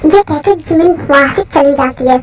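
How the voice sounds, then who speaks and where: A woman's voice: sits high, normal speed, low-quality recording. A woman narrating a love story in a casual way. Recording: faint music behind.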